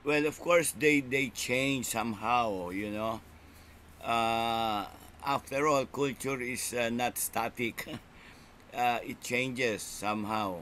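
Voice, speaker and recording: An older man, a keynote speaker, answering questions on a video call, halting with many pauses and tagging sentences with "no?". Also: medium pitch, fairly bright tone, a little hiss or hum. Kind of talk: unscripted academic Q&A. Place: small indoor room. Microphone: webcam on a video call.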